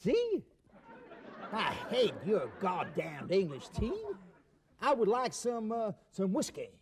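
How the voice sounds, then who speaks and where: A man's voice: high voice, huge pitch swings, slow pace, a crowd in the background, pitched above the performer's own voice, full character voice. A man playing a boastful, rowdy Texan rodeo star in a TV sketch, with a put-on American Texan accent and a bragging, laughing manner. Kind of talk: TV sketch comedy acting.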